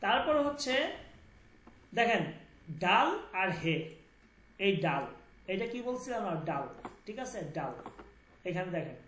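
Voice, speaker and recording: A man's voice: high-pitched, big pitch swings, measured pace, pauses often, a bit bright, roomy sound. A man teaching a language class, repeating each sound and asking students to confirm.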